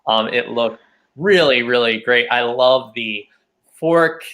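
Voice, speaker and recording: A man's voice: medium pitch, slow, a bit bright. A man giving rambling, casual feedback as a cooking judge over a video call. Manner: chatty, rambling, lots of fillers.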